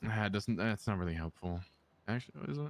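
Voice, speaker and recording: A man playing a defense lawyer in an improvised role-play, with a smooth, clear voice and casual, halting delivery. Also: fairly low pitch, no echo.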